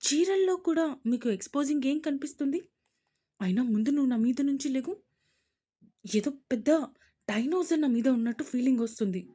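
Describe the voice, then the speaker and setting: A woman's voice: big pitch swings, dark tone, breathy edge, full character voice. A woman doing a feisty indignant young wife. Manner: shrill, quick, scolding.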